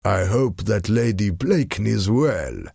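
A man's voice: lowish voice, lively intonation, slow pace, gravelly, darkish tone, slightly rough, no echo, clean studio sound, full character voice. A man voicing a scheming, ruthless male French agent who gives curt commands.

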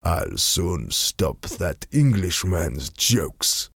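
A man's voice: low voice, very animated, very slow, gravelly, breathy edge, dry recording, clean studio sound, full character voice. A man voicing a scheming, ruthless male French agent who gives curt commands.

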